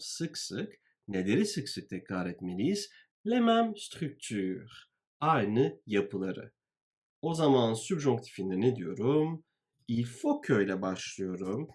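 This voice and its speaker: Man, teacher, grammar walkthrough, unhurried, repeats phrases, lively intonation. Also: medium pitch. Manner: slow, deliberate, repeats phrases. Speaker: French teacher.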